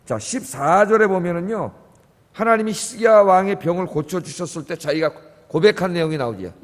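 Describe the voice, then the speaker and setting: A man pastor preaching a dawn sermon in a church, moving from soft asides to loud pleading passages. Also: high-pitched, expressive, brisk. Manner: impassioned, swings from quiet asides to loud pleading. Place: church sanctuary. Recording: long church reverb.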